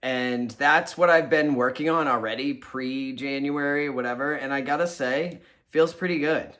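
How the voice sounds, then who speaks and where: Male co-host, bright tone, candid and self-deprecating, casual reflective chat. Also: medium pitch, normal speed. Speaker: podcast co-host.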